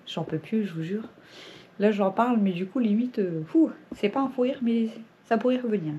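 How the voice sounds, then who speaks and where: A woman's voice: mid-range voice, warm tone, highs cut off, a little hiss or hum. A woman chatting casually to her vlog viewers at home, rambling and laughing often. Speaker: family vlogger. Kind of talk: casual vlog chat to camera.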